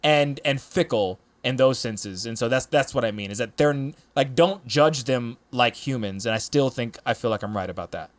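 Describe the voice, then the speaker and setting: A man's voice: mid-range voice, normal speed, few pauses. A man talking casually on a podcast panel, rambling with lots of restarts and fillers. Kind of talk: casual chat.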